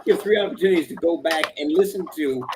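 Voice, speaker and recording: A man's voice: a little high, fast. A man chatting casually on a stream, teasing and sarcastic in a dry way. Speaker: stream co-host. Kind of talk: casual chat. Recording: noisy background hiss.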